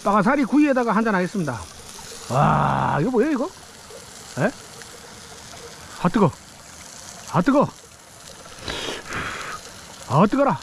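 This riverbank fishing vlogger has a high, gravelly, sing-song voice and an unhurried delivery with long pauses. He chats and exclaims to himself while eating and fishing among the rocks, day and night, in casual narration recorded on a head-mounted action camera with slight background noise.

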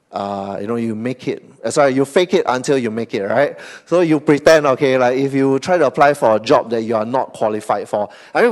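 A Singaporean man preaching a sermon as pastor, animated, often tagging lines with "okay?" and "right?", swinging between loud emphasis and soft asides. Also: mid-range voice.

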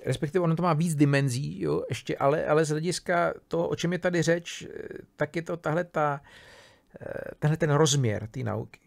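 A man's voice: fairly high pitch, gravelly. A man giving an informal spoken lecture on a philosophy text. He thinks aloud, restarts his sentences and keeps asking his listeners for agreement. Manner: casual, thinking aloud with many fillers, restarts and tag questions.

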